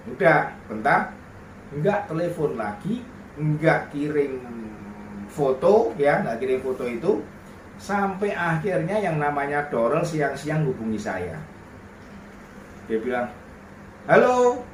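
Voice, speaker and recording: A man telling a personal story in a lively way, slipping into broken English phrases. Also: on the high side, measured pace, long pauses, a little hiss or hum. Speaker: vlogger. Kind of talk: storytelling monologue. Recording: roomy sound, voice distant from mic.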